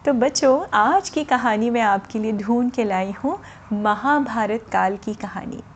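A woman telling a story to children in a gentle manner, explaining words simply as she goes. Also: on the high side, unhurried, slight background noise.

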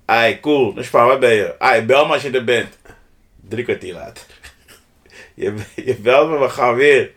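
A man's voice: mid-range voice, unhurried. Een man met een Nederlands die in een ontspannen gesprek geanimeerd verhalen vertelt, met Engelse straattaal en klanknabootsingen ertussen. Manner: animated, slangy, mixes in English phrases and sound effects. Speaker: podcast co-host. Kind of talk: casual storytelling chat.

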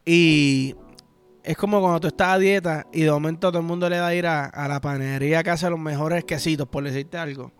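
A man's voice: on the high side, steady tone, brisk, smooth, soft background music. A man with a Puerto Rican accent, hosting a podcast in a crude, rambling, profane comic monologue. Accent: Puerto Rican Spanish. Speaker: podcast host. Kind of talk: casual comedic podcast monologue.

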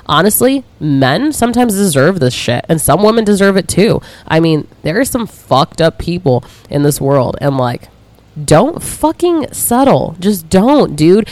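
A woman hosting an advice podcast, blunt and heavily profane, laughing often and gushing over listener messages. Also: fairly low pitch. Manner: gushing and animated when excited. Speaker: podcast host.

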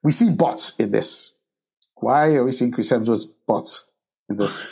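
A man with a husky voice recapping a film in casual chat, halting with many restarts. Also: mid-range voice. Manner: halting, many restarts and ums, animated when joking. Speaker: podcast co-host recapping a film. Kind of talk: casual movie discussion.

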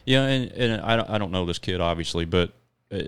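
A man's voice: sits low, a little fast, smooth, no room sound. A man hosting a podcast in easygoing casual chat, laughing often. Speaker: podcast host.

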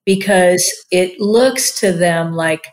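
An older woman in her sixties with a somewhat low-pitched voice, speaking as a marriage and family therapist. She talks in a loose, chatty interview manner and drops in plenty of "like" fillers. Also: slow. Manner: chatty, warm-hearted, many "like" fillers. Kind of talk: casual interview talk.

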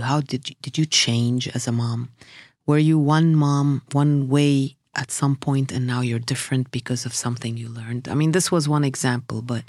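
A woman hosts an interview and asks measured, reflective questions. She pauses to sum up lessons in an even, thoughtful way. Her voice sounds dry and close. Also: rumbling low, breathy edge, dry recording. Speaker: host interviewer.

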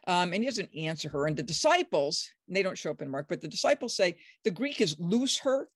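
A biblical scholar, middle-aged or older, talking with enthusiasm and emphasis and breaking into high, acted quotes. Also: very animated, fast talker, no echo, studio quality. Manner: acts out quoted speech with sudden high pitch jumps; emphatic, enthusiastic, frequent restarts. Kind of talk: animated explanatory conversation.

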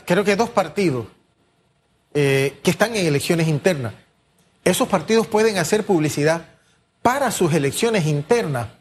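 A Panamanian man in a news interview explains legal points in a formal, measured way. He often pauses with hesitations. His voice sits a little high, and a faint hiss runs under the recording. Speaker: guest, former electoral prosecutor.

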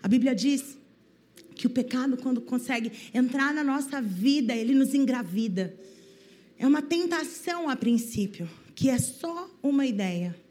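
A woman giving a devotional talk, telling a story in an animated way. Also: sits high, normal speed. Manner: animated, acts out story voices. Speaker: preacher.

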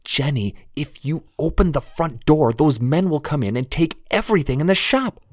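A man voicing a small, bold young woman who gives brisk, commanding orders. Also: on the high side, expressive, darkish tone, no echo, clean studio sound, pitched above the performer's own voice. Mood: urgent.

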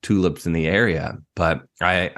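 A man who is a guest in a casual interview, telling stories with quick wit. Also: sits low. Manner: animated, witty storytelling. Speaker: guest, tour business owner.

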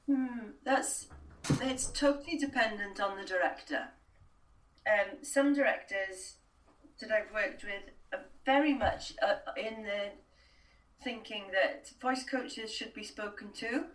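Recorded from a distance in a roomy space, this woman, a Welsh-speaking voice and accent coach, chats through her interview answers with frequent restarts and fillers. Her voice is medium-pitched, slow and a little bright.

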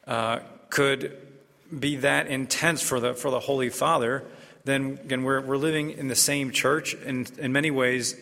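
A male priest preaches and reads in a large, cathedral-like echo, with long reverb trailing his words. His voice is bright and forceful at a middle pitch, and his delivery is deliberate and measured. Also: vocal fry. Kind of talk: Gospel reading and homily. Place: large church interior. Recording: echoey church with long reverb.

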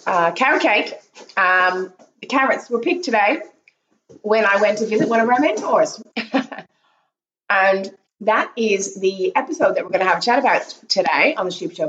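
A middle-aged woman with a croaky voice from a cold, hosting a casual podcast chat with lots of fillers and restarts. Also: mid-range voice, a bit bright, recorded from a distance, highs cut off. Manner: chatty, many fillers and restarts. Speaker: podcast host. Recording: echoey room.

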